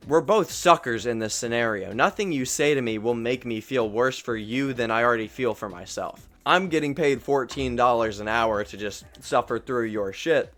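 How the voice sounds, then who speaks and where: A man's voice: mid-range voice, a bit bright. A young man telling a true story in a casual, rambling way, swearing and poking fun at himself. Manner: rambling, profane, self-deprecating.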